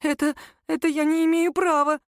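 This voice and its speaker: A woman's voice: high voice, expressive, fairly quick, no echo, clean studio sound, voice pushed up. A woman voicing a frightened secretary who stammers and pleads in a trembling voice.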